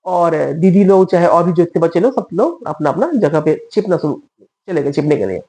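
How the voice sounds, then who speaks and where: A woman's voice: fairly low pitch, expressive, moderate pace, warm tone, poor audio. A woman telling a personal story in casual conversational style, chatty with fillers and asides to her listeners.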